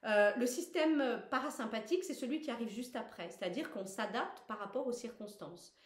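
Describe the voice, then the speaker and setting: A woman leading a guided self-massage lesson, giving calm step-by-step instructions and explaining as she goes. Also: on the high side, moderate pace. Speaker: wellness instructor. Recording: roomy echo.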